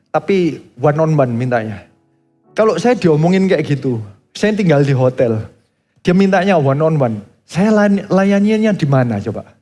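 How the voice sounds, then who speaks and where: Male pastor, Indonesian accent, high voice, animated sermon, long church reverb, soft music under. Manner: animated storytelling, acting out quoted voices.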